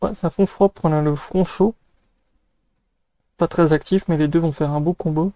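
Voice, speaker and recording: A man's voice: on the high side, fairly even intonation, normal speed, warm tone, dry recording. A man giving casual, improvised weather commentary in an informal, slangy way as a news host.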